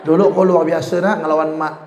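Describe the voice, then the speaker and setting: A man's voice: a little high, flat delivery, fairly quick, close to an everyday voice. A man doing a tearful doting old mother. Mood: fondly tearful. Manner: fond, scolding, Malay-flavored speech. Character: doting older mother moved to tears. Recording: echoey hall with faint noise.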